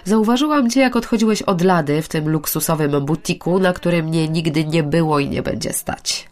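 An actress in a radio play voicing a burned-out, bitter middle-aged teacher who talks in a self-deprecating way. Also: female voice, deep voice, moderate pace, darkish tone, natural voice. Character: weary disillusioned woman teacher, middle-aged. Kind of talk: radio drama acting.

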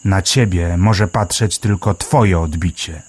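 A plodding, puzzled many-legged bug, voiced by a man in a children's audio story. He mumbles in a low, slow voice. Each line drags along unhurried. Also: background noise.

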